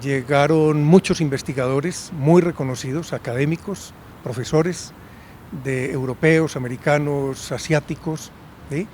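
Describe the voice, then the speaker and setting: A man's voice: fairly high pitch, fairly even intonation, a little slow, darkish tone, slight background noise. A university professor in his sixties from Medellín, Colombia, telling his story in a conversational interview and often checking in with a questioning "right?".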